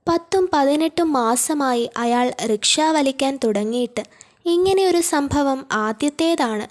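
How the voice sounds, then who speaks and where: A woman narrating a novel as an audiobook reader, in steady scripted storytelling. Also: high-pitched.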